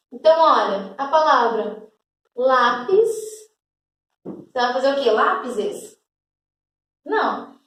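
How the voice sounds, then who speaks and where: A woman teacher, explaining a school lesson patiently and checking in often with the class. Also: high voice. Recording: echoey room, voice far from mic.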